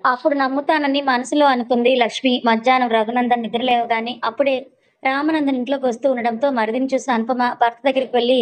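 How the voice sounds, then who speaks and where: A woman reading a serialized story aloud as narrator, in a brisk, even reading voice. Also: on the high side, poor audio.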